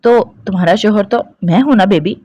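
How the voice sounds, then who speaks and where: A woman's voice: medium pitch, a little fast, warm tone, no room sound, highs cut off, close to an everyday voice. A woman doing a domineering, possessive young husband. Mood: harsh. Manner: commanding, harsh.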